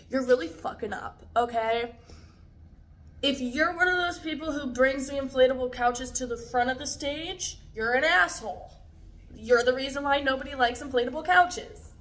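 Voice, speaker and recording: A woman's voice: high-pitched, a bit bright. A young woman vlogging casually, chatty and blunt, swearing freely as she talks. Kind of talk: casual packing vlog.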